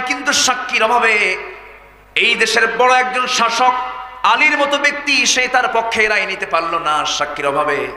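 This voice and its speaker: Preacher playing a marveling, heartfelt merchant; bright, reverberant PA. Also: male voice, very high voice, voice pushed up, heavily acted. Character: awestruck male merchant moved by justice.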